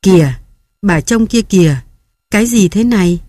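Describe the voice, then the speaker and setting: A woman's voice: mid-range voice, normal speed, dark tone, dry recording, natural voice. A woman voicing an old mother grieving at her son's grave, calling to him in a tearful, pleading lament. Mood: bewildered.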